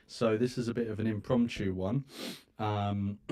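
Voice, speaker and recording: A man's voice: fairly low pitch, a little slow, dark tone. Man with a robotic, glitchy voice. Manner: drifts on and off the mic while rocking in a chair. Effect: robotic, metallic glitch on the voice. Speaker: live stream host. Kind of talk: casual live stream chat. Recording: voice drifting off mic, robotic glitch.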